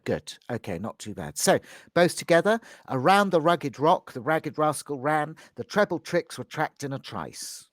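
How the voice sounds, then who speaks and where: A man's voice: a little high, very animated, moderate pace, few pauses, fairly bright tone, no echo, studio quality. A man with a modern British accent coaching pronunciation one to one, instructive and encouraging, demonstrating sounds carefully.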